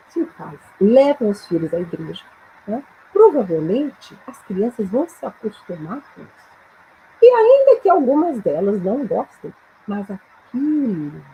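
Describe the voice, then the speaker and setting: A middle-aged Brazilian woman gives a Bible-based English lesson, and her pitch rises and falls a lot. Her voice is mellow, and a faint hiss runs underneath. She reads the English verses slowly and carefully, checking in often with tag questions. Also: low-quality recording. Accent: Brazilian Portuguese. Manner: slow, careful reading aloud of English verses; frequent tag questions, gentle explaining tone. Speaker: English teacher.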